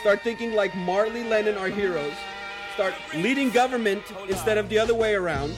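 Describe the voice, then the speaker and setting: A man's voice: high voice, a little fast. A man hosting a comedy radio show, joking, swearing and chatting loosely with his studio guests. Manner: joking, swears, slips into silly voices. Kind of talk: irreverent comedy radio chat. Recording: studio mic with music bed behind. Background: music.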